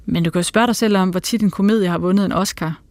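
A woman voicing a calm, slightly condescending man. He speaks in a dry, teasing, unruffled way. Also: on the low side, no echo, lightly acted.

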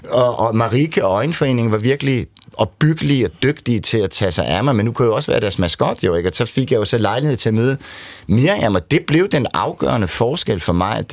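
A man's voice: medium pitch, dry recording. A middle-aged man, telling his story candidly and rambling as an interview guest, often tagging on "ikke?". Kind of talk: conversational storytelling.

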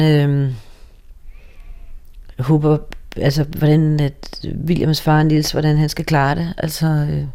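A woman recalling a painful night, speaking hesitantly with pauses and fillers. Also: low voice, warm tone. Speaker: interviewee, bereaved mother. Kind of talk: emotional recollection.

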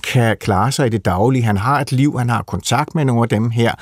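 A man's voice: mid-range voice, no echo, studio quality. A man explaining a literary subject in a conversation, thoughtful and hesitant, with many fillers and restarts. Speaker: literature expert guest.

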